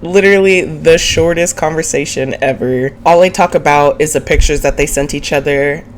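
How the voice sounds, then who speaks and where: A woman's voice: low-pitched, normal speed, slight background noise. A woman with a nasal, stuffed-up voice from a cold, giving a chatty, opinionated, casual recap as a show host. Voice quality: nasal, congested, whiny. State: sick with a cold. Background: background music.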